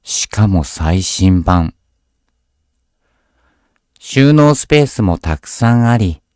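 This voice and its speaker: A man reading a scripted horror story aloud as a narrator, in a measured, deliberate storytelling delivery. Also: lowish voice, a little mellow, clean tone, no echo, clean studio sound.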